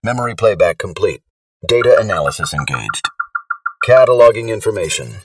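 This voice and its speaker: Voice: low-pitched, big pitch swings, brisk, recorded from a distance, faint music behind, rough recording. An actor voicing a cold, procedural computer system in clipped robotic announcements for a sci-fi audio drama.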